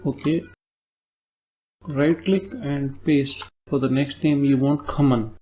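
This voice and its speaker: A man's voice: medium pitch, steady tone, takes it slowly, warm tone, a little hiss or hum. A man with an Indian English accent teaching a coding tutorial, explaining step by step and checking in with tag questions. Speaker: programming tutor. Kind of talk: screen-recorded coding tutorial.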